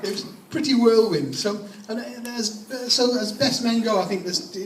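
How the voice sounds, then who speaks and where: A man giving a jokey, informal best man's wedding toast, speaking haltingly with many false starts. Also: very high voice. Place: echoey room at a wedding gathering. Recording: distant mic in echoey room, audience noise. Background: crowd of guests reacting and laughing.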